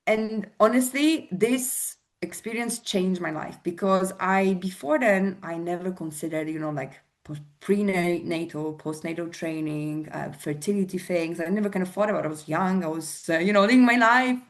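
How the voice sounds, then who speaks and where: A woman's voice: on the low side, moderate pace, hardly any pauses. A woman from Poland with a Polish accent, a fitness coach answering interview questions earnestly, with many fillers and restarts.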